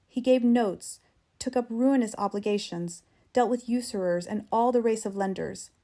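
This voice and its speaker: This woman narrates literary fiction for an audiobook in a standard American accent, with a somewhat high voice. Her delivery is measured yet expressive.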